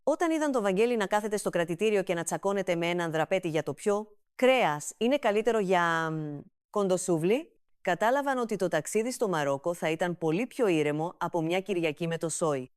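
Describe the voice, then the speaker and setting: A woman narrates a comic family tale in a steady, even storytelling manner. Her voice is smooth and rather low, and it is recorded close and dry with no room echo.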